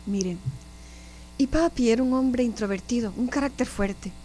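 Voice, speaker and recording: A nun in her fifties with a Puerto Rican accent shares her testimony in an interview. Her voice sits on the high side and sounds mellow and warm. She tells it vividly and keeps turning to her listeners. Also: moderate pace, slight background noise. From Puerto Rico. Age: 50s. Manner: animated storyteller, often addresses listeners directly.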